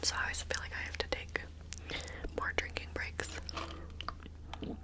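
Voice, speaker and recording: Girl whispering asmr ramble right up on the mic, ear to ear, casual and wandering, repeats words. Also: moderate pace. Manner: informal, meandering, with repeated words. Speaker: ASMR video creator. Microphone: close ASMR microphone.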